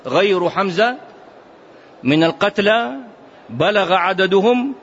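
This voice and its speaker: A man teaching a religious class, quizzing his students with animated, mocking asides. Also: sits high, slow, muffled recording, a little hiss or hum. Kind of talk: classroom lesson.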